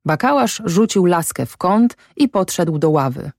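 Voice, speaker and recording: A woman reads a literary story aloud in a steady, measured way. Her voice sits on the low side and sounds dry and close. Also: no echo. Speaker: audiobook reader. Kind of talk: scripted narration.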